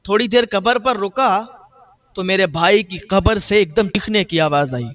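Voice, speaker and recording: A man's voice: high-pitched, a bit bright. A preacher voicing a grieving man mourning his brother. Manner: lamenting, pleading storytelling.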